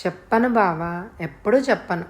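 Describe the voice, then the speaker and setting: A woman voicing a lively, teasing young village girl with a childlike, pleading way of talking. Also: lowish voice, normal speed, natural voice.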